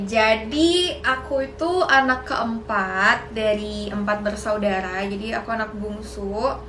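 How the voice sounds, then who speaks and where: A woman's voice: on the high side, a bit bright, reverberant, slight background noise, low-quality recording. A young woman in a casual Q&A vlog, chatty and a little nervous, mixing in English words. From Indonesia. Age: young adult. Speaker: YouTuber.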